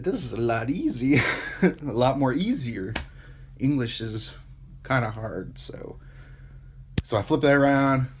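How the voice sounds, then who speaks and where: A man's voice: medium pitch, a little hiss or hum. A tired young man vlogging his PC build, rambling casually, swearing often and poking fun at himself. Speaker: PC hobbyist vlogger. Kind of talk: casual off-the-cuff show-and-tell.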